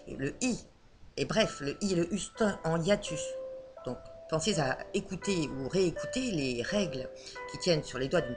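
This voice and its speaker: A woman teaching a lesson on Old French, explaining patiently with frequent hesitations. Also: deep voice.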